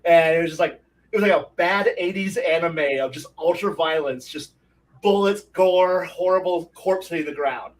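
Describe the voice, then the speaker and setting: A man who runs tabletop games, telling profane, animated stories full of gory combat detail in a casual panel discussion. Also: on the high side, moderate pace, far from the mic, rough recording. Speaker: game master on a discussion panel.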